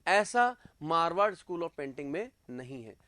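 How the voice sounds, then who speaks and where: A male teacher giving an exam-prep class lecture, dictating notes word by word and pausing on fillers as he explains. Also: fairly high pitch, big pitch swings, pushed and bright, dry recording.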